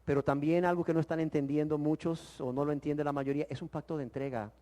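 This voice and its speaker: Speaking fast with fairly even intonation, a man whose voice is a little high teaches the Bible in the manner of a sermon. He is emphatic, poses many rhetorical questions, and shifts from loud exclamations to soft, hushed words.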